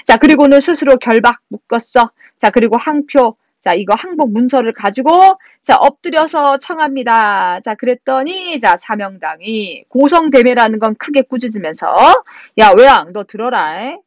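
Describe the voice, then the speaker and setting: A woman teacher giving an exam-prep literature lecture, briskly walking through a story with chatty asides to students. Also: fairly high pitch, animated, no room sound.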